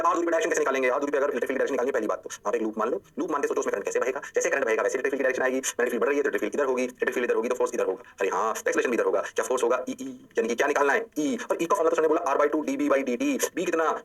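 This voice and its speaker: Male physics teacher, quick patter, higher-pitched, playful and animated delivery. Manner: animated, playful catchphrases, rhetorical questions to students. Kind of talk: energetic online lecture.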